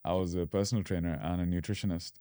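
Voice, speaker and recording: A man from Dubai in his thirties, a podcast guest talking casually and explaining his path with relaxed fillers. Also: sits low, quick pace, clear, resonant tone, no room sound, studio quality. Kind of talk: casual interview.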